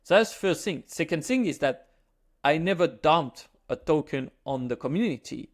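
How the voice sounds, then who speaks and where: A man speaking English with a French accent, his voice sitting a little higher than most men's. He talks straight to his viewers in a loose, chatty monologue. He drops in teasing, self-mocking jokes along the way. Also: expressive, normal speed. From France. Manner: joking, self-mocking asides. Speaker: finance YouTuber. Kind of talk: casual self-filmed monologue to camera.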